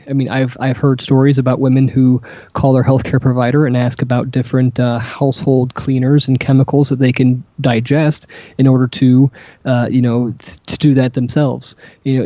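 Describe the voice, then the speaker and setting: Flat-voiced, halting man on a discussion show. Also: mid-range voice, no echo. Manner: halting, many fillers and restarts. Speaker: co-host. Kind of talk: casual panel discussion. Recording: dull lo-fi sound.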